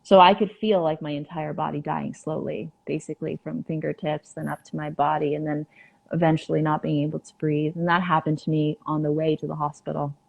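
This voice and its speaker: A woman guest on a podcast, telling a personal story in an earnest, halting way with many fillers. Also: low-pitched, flat delivery, vocal fry, phone-quality sound.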